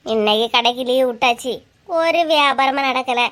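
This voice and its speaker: A woman's voice: high-pitched, fairly bright tone. A woman with a Kanyakumari Tamil accent voicing chatty, gossiping village women neighbors in a cartoon. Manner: chatty, teasing, rapid back-and-forth. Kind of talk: cartoon voice acting.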